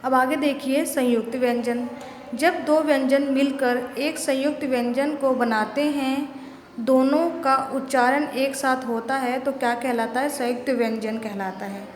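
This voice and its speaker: A woman's voice: high-pitched, fairly even intonation, a little slow. A woman teacher giving a grammar lesson to young pupils, often asking a question and answering it herself. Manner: asks questions and answers them herself, repeats "ठीक है ना". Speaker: school teacher. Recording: echoey room with long reverb, faint noise.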